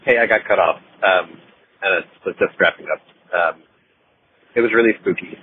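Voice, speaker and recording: A man's voice: sits low, moderate pace. A man leaving a hesitant voicemail over the phone, full of ums and uhs. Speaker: caller. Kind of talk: recorded voicemail story. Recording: tinny phone line with faint noise.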